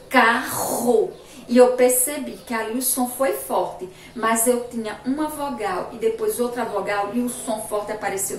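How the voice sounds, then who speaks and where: A woman from Brazil teaching a phonics lesson to young children, speaking slowly and emphatically, repeating sounds and words. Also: on the high side. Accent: Brazilian Portuguese, Sergipe. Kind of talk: remote school phonics lesson. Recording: echoey room, distant mic, faint noise.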